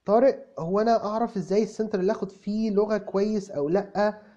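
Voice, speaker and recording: A man's voice: sits high, fairly even intonation, very fast, warm tone, close to an everyday voice. A man with an Egyptian Arabic accent playing a self-assured young English tutor who stammers through restarts and explains with repeated examples. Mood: breezy, explaining. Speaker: English tutor answering viewer comments. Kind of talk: comic video lesson. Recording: dull lo-fi recording.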